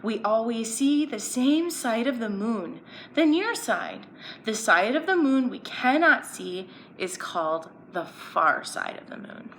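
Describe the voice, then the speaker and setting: A woman hosts a children's educational story time in a sing-song, somewhat high and slightly bright voice, speaking a little slowly. She reads aloud and explains, playfully quizzing young viewers with simple questions, in a recording with roomy echo and background noise.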